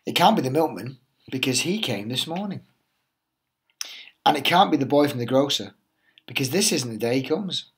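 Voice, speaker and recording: A man's voice: medium pitch, lively intonation, moderate pace, pauses often, lightly acted. Man voicing a homely storybook mummy. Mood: puzzled. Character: hospitable, puzzled young mother in children's story.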